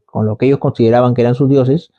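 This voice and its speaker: A man's voice: mid-range voice, steady tone, fast talker, dull audio. A man preaching a conversational sermon, repeating his phrases and asking rhetorical questions.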